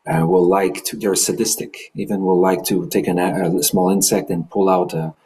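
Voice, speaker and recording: A man leading an online study discussion, speaking in a thoughtful, measured way. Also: deep voice, fairly even intonation, mellow, rough recording. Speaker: discussion leader.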